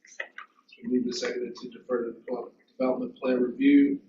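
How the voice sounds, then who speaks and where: A man chairing a public planning board meeting, moving briskly through motions with a joking procedural tone. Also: mid-range voice, flat delivery, dark tone, slight background noise. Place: meeting room. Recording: echoey room from far, dull sound.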